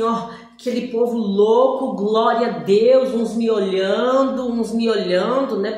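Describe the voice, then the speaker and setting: A woman shares an emotional religious testimony, seated and speaking straight to her viewers. Her delivery is dramatic and emphatic, in a fairly high voice. The recording has a heavy echo from a hard, bare room. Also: a little mellow. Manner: dramatic, emphatic storytelling, addresses viewers directly. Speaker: person giving a religious testimony. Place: seated on an old creaky chair. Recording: very echoey room.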